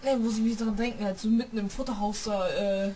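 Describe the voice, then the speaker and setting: A woman's voice: mid-range voice, steady tone, a little fast, dark tone, soft background music. A young woman casually commenting on a video game, teasing her sister and laughing along. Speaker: let's play co-host. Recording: distant mic with clear background noise.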